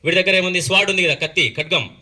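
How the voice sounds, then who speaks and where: A man teacher telling a moral story to students at a school assembly, in an animated storytelling manner. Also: high-pitched, racing.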